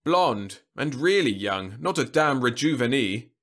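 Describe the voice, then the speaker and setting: A man's voice: mid-range voice, lively intonation, a little slow, a bit bright, voice pushed up. A man doing a sardonic old doctor. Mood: gruff. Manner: savage, sarcastic.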